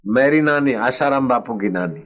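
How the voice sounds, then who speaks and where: A man's voice: medium pitch, lively intonation, a bit bright. An older man preaching a satsang sermon, telling a story and chanting refrains. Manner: slow, chanting refrains and acting out story voices. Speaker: spiritual preacher.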